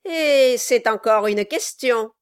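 A woman reading aloud, voicing a sly male dwarf villain who swings between mock courtesy and high-pitched cries. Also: slow pace, clean tone. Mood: smug. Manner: shifting high and low, falsely courteous. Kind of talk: audiobook reading.

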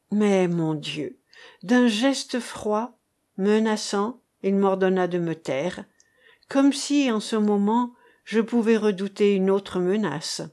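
Woman audiobook reader, slow and measured literary narration. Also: mid-range voice, darkish tone. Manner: measured, unhurried reading.

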